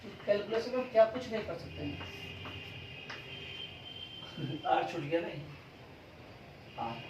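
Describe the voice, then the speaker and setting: Man, physics teacher, slow deliberate lecture, asks and answers his own questions, roomy far-off classroom sound. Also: high-pitched, big pitch swings, noisy background.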